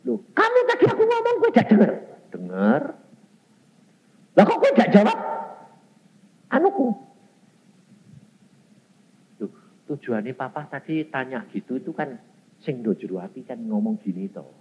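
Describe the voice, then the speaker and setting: A man voicing a stern, quick-tempered older father who shouts indignantly, in a reverberant hall. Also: lively intonation, close to an everyday voice. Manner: loud, high, indignant outbursts. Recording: dull recording in a reverberant hall.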